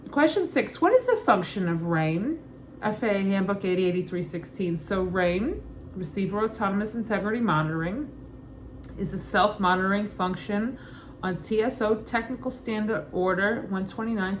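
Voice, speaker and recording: Young woman w a brooklyn accent reading a study guide out loud at home, kinda halting, some background noise. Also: medium pitch. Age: young adult. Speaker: student pilot reading an exam guide. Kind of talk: reading study material aloud with casual asides. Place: kitchen at home, indoors. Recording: clearly noisy home room ambience.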